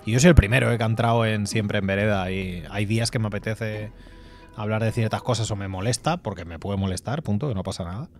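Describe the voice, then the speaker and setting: A chatty Spanish man streams a game, rambling and swearing casually as he comments on the gameplay. His accent is from Spain, and his fairly low voice moves fast over faint game music.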